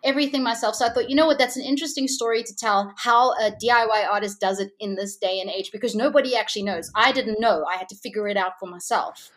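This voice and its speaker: A woman's voice: mid-range voice, fast talker, hardly any pauses, a bit bright. A woman who grew up in Hong Kong, chatting upbeat as a musician guest over a video call, with frequent restarts. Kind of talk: casual interview chat.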